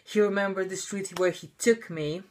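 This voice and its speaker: A woman's voice: medium pitch, moderate pace. A young woman vlogger telling a story in a casual, indignant rant, full of "like" and "you know.".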